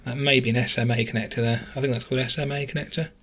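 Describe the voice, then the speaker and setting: A man talks through a gadget teardown in a relaxed, chatty way. He thinks out loud and corrects himself mid-sentence. His voice is caught by a camera microphone at a desk indoors. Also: medium pitch, very fast, a little hiss or hum. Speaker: gadget reviewer. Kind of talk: casual teardown tutorial.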